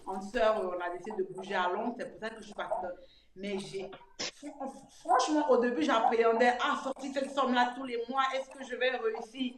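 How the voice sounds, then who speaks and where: A woman in her thirties tells her own story in a loose, chatty testimonial and trips over repeated words as she goes. Her voice sits on the high side. The recording is roomy and echoey, with a clear layer of noise underneath. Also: a little fast. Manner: chatty, repeats words, retells scenes with laughs. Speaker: interviewee giving a testimonial. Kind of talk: casual testimonial chat.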